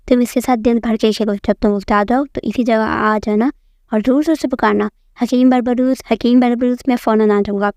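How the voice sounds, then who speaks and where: A woman's voice: a little high, steady tone, a little mellow, dry recording, lightly acted. Storybook wizard-healer, commanding, dry close sound; voiced by a woman. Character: mysterious male magic healer, spell-caster.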